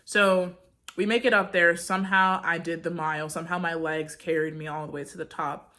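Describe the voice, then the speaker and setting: A woman's voice: fairly low pitch, fairly even intonation, brisk, pushed and bright. A young woman vlogger casually telling a story, chatty, with lots of "like," acting out her own reactions.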